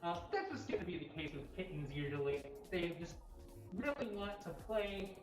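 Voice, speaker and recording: In an indoor cat cafe room, the host leads a relaxed, informal livestream walkthrough. She talks at a normal speed in a lowish, animated voice. Faint music plays behind her, and the space sounds echoey.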